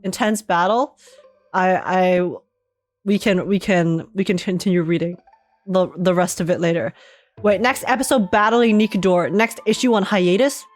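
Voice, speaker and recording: Over background music, a woman streamer with a lowish voice gives playful gaming commentary, teasing and exclaiming as she reacts to the game. She talks at a moderate pace and does dramatic read-alouds.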